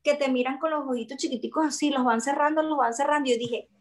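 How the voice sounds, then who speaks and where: A woman's voice: high voice, quick pace, a loud crowd. A young woman with a Venezuelan accent, chatting casually as an interview guest and acting out others' lines as she tells stories. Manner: lively, expressive, quotes others in dialogue. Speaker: guest, food content creator.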